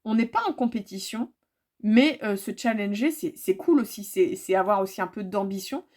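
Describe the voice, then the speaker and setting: A woman's voice: medium pitch, moderate pace, a little mellow. A woman chatting casually to her viewers about her cross-stitch projects, full of fillers and repeated words.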